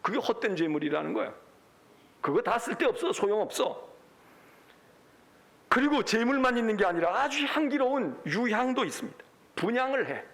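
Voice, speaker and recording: A male pastor preaching a Sunday sermon, acting out God's complaints in an animated, emphatic way. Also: very high-pitched, normal speed, long pauses.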